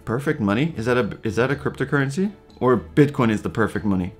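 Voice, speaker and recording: A man's voice: medium pitch, expressive, fast, soft background music. A man casually commenting for a vlog, playful and mock-enthusiastic as he reads messages aloud. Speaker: video creator.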